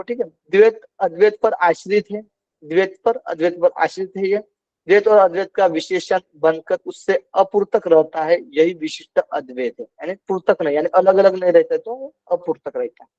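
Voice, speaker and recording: A man's voice: high-pitched, moderate pace, dark tone, no echo, highs cut off. A male teacher giving an online philosophy class, explaining patiently and repeating key points.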